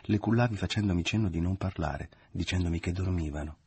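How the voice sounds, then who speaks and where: A man's voice: low voice, fast talker, darkish tone, a little hiss or hum, lightly acted. A man voicing a doting, naive middle-aged mother who talks in a gushing, sentimental way, in an audiobook reading. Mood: effusive.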